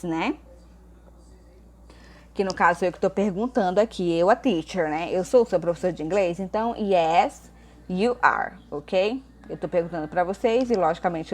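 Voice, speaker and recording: A woman English teacher with a Brazilian Portuguese accent, explaining grammar in a remote lesson and checking in often with "ok?" and "tá?". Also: on the low side. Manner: slows down to read English examples aloud.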